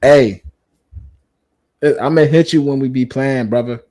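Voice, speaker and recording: A man hosting a casual gaming chat, slangy and animated as he tells stories. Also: mid-range voice, measured pace.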